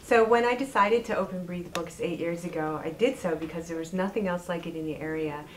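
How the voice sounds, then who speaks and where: A woman in her forties who owns a bookstore, speaking earnestly to camera in a fundraising pitch on a lapel mic. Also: a little fast, background noise. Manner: warm, earnest, heartfelt. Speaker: bookstore owner. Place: bookstore interior and outdoor porch.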